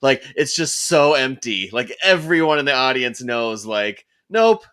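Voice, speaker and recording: A man with a bright, forceful voice talks through a movie scene with his co-hosts. He laughs easily and keeps the chat moving with quick agreement. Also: medium pitch, clean tone. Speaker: podcast co-host. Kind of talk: casual film discussion.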